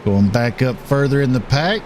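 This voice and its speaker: A man calling a live race as play-by-play commentator, with an animated delivery and occasional filler pauses. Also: mid-range voice, noisy background.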